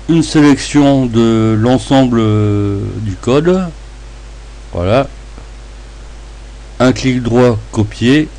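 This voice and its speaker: A man presents a computer tutorial at a very slow, halting pace. His voice is fairly low and very mellow, and his s sounds come out slushy with a lisp. He guides the listener step by step in short phrases. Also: rough recording. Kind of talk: step-by-step screencast narration.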